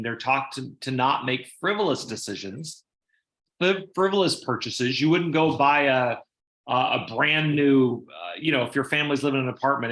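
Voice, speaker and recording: A man's voice: medium pitch, a bit bright, reverberant. A man giving sales training on a video call, talking casually and repeating himself as he acts out customers.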